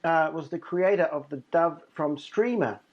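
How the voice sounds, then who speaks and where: Male guest, slightly high voice, halting casual memories, muffled remote audio. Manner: reminiscing, halting restarts. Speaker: guest magician. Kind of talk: casual interview chat. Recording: dull lo-fi remote line.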